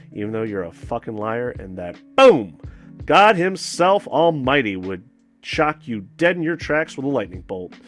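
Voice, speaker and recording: A man hosting a casual commentary video, rambling with many fillers, sarcastic asides and swearing. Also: on the low side.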